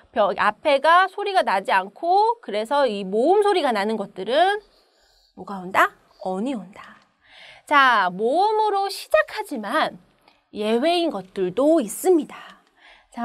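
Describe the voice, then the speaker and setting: A woman's voice: sits high, no echo. A woman teaching a patient online grammar lesson, asking questions and answering them herself step by step. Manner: patient, explains step by step, asks and answers her own questions.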